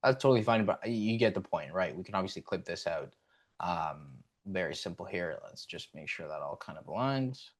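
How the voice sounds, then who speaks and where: A man hosting a casual screen-recorded tutorial. He speaks in a somewhat low voice. His delivery is relaxed and full of fillers as he walks through each step. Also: normal speed. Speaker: tutorial host.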